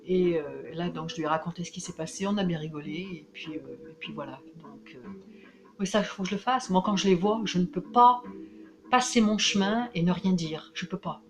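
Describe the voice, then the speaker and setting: A woman from France talking in a casual vlog monologue, excitable and emphatic, with frequent restarts. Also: on the low side, brisk, noisy background. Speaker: vlogger.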